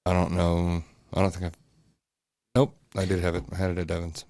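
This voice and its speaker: A man's voice: low-pitched, monotone, fairly quick, darkish tone, dry recording, clean studio sound. A man co-hosting a casual home podcast, talking bluntly and swearing often. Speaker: podcast co-host. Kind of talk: casual chat. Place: home room above a bathroom.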